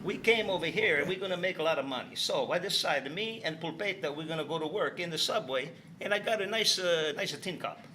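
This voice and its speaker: A man's voice: on the high side, animated, brisk, few pauses, pushed and bright, slight background noise. A man playing a cheerful Italian immigrant bandleader, speaking in a put-on Italian accent with broken English and rambling stories. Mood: rambling story. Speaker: band leader.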